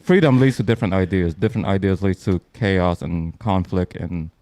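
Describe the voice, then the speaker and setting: A man in casual conversation, talking slowly and deliberately as he makes his point. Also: low voice, darkish tone, no echo. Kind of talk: casual chat.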